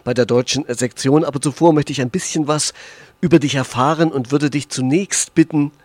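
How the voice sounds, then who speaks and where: A man hosting a radio interview, asking calm, measured questions. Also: a little high, no room sound. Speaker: host.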